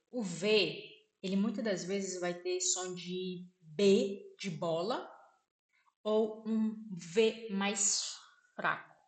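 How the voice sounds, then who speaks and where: A Brazilian woman with a Brazilian Portuguese accent gives a casual spoken lesson, slowly repeating words and often checking with "né?". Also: fairly low pitch. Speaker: vlogger teaching vocabulary. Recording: echoey room.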